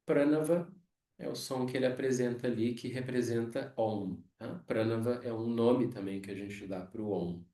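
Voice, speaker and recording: A Brazilian man teaching a yoga philosophy class, explaining slowly and checking in with frequent tag questions. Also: mid-range voice, steady tone, warm tone. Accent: Brazilian Portuguese. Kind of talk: lecture on scripture. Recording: echoey room, mic far off.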